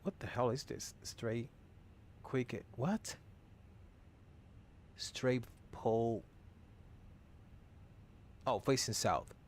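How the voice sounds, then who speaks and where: A man's voice: mid-range voice, extremely slow, pauses often, a little mellow, a little hiss or hum. Casual man streaming a flight simulator. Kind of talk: casual live gaming commentary.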